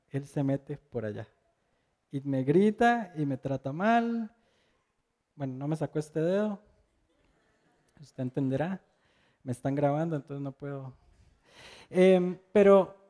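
A middle-aged man preaching with a mellow, somewhat high voice. He tells his sermon as a relaxed personal story, often asking rhetorical questions of his listeners.

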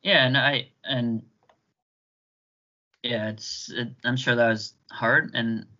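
A young man in casual podcast chat, talking in a hesitant, halting way with many restarts over a remote call. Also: medium pitch, fairly even intonation, pushed and bright. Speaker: podcast co-host. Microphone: remote call mic. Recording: dull lo-fi call audio.

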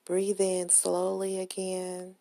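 In a fairly low, soft, breathy and husky voice, a woman talks a listener through a relaxation meditation with gentle, soothing, unhurried instructions. Her delivery is completely flat, and she sits close to the microphone in a dry recording.

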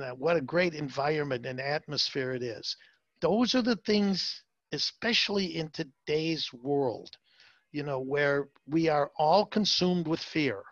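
A man's voice: fairly high pitch, fairly bright tone, no echo, dull audio. A man being interviewed as a salon marketing consultant, talking emphatically with many fillers and repeated words. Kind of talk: interview, advice talk.

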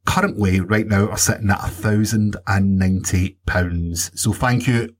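A man hosting a gaming podcast in a low, husky voice. He leads the chat at an easy pace, steady and friendly as he introduces each segment. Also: normal speed. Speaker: podcast host. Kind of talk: casual chat.

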